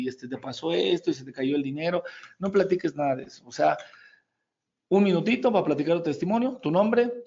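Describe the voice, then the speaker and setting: Mexican man, middle-aged, chummy motivational trainer, slightly high voice, muffled lo-fi sound. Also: mellow. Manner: folksy and joking, calls the listener compadre. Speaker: network marketing trainer. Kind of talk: motivational coaching talk. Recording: dull lo-fi recording.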